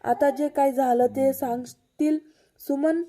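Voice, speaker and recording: A woman recapping a TV serial episode in a chatty, casual way, talking straight to her viewers. Her voice is high-pitched and level, with little rise and fall. The tone is dark and mellow. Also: steady tone, slow. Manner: chatty, addresses viewers directly.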